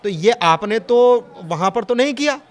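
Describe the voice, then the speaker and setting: A man with a high voice gives his take as an analyst on a studio news panel. He talks in an animated, sarcastic way and keeps throwing out rhetorical questions. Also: a little slow.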